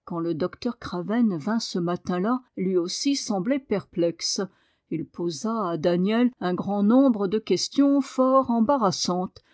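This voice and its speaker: A woman's voice: mid-range voice, slow pace, darkish tone, dry recording, studio quality. Woman narrating a classic novel. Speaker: audiobook narrator. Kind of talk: literary audiobook narration.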